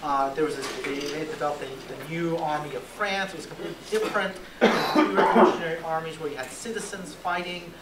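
A middle-aged man with a slightly high voice gives a measured academic lecture, adding "uh" fillers and asking "right?" to check with listeners. He speaks into a handheld mic in a lecture room. The sound is roomy and distant, with clear background noise. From born in Egypt, raised in Georgia, USA. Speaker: guest lecturer.

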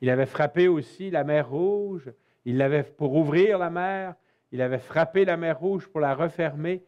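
A man's voice: fairly high pitch, moderate pace, highs cut off. A male priest with a Canadian French accent preaching a sermon in a church, emphatic with folksy asides to his listeners. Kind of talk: sermon on scripture.

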